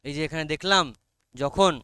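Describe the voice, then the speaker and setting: His voice is a little high, sharp and smooth, with no echo. Teaching online with a Bengali accent, he works through an English text line by line, coaxing his students, repeatedly asking if they follow and reading each English line very slowly.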